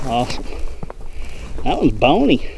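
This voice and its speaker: A man's voice: mid-range voice, huge pitch swings, unhurried. A man talking casually and giving commentary as he guides a hunt outdoors. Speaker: hunting guide and video host. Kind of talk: casual chat and commentary while hunting. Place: outdoors in open brushy country. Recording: outdoor recording with clear background noise.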